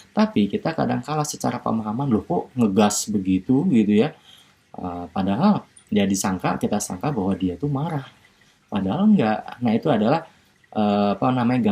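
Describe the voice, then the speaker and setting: A male university lecturer giving a recorded online lecture, explaining slowly with many fillers and tag questions. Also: mid-range voice, creaky, dark tone, slightly rough.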